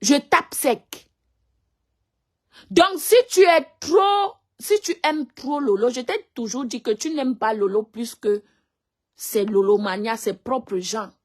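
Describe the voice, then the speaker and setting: A woman's voice: on the high side, animated, slow, darkish tone. A woman hosting a live stream, talking in a blunt, defiant way.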